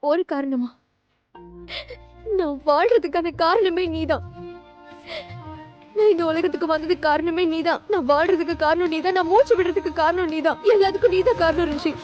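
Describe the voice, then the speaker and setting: A woman's voice: very high-pitched, moderate pace, pauses often, darkish tone, dull audio, soft background music. An actress playing a young woman who tearfully begs her lover not to leave her, in a TV drama. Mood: pleading. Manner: pleading, tearful, repetitive. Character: young woman, desperate lover begging him to stay. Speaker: actress in a TV serial. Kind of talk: dubbed TV drama dialogue.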